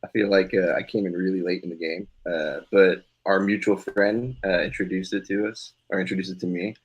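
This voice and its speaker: A man's voice: low voice, fairly even intonation, fairly quick, slight background noise, poor audio. A man co-hosting a podcast, chatting casually with frequent laughs, fillers and restarts. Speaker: podcast co-host. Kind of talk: casual chat.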